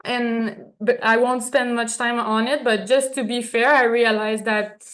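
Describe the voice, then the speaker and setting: A woman's voice: on the high side, level tone, measured pace. Woman with a French accent on stage. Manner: searches for English words, many fillers, soft laughs. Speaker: honoree giving a speech. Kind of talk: stage acceptance speech.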